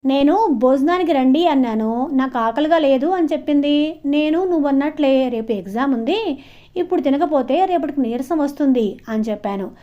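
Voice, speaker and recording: A woman storyteller voicing a calm, teasing young man who talks smoothly and persuasively, in a dull lo-fi recording. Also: very high voice, normal speed, pitched above the performer's own voice. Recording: dull lo-fi audio.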